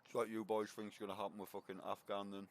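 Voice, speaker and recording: A man's voice: on the low side, level tone, fast talker. A man from Northumberland with a mixed Northumbrian and Geordie accent, talkative, laid-back and sweary, chatting casually while gaming online. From Northumberland, England. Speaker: game streamer.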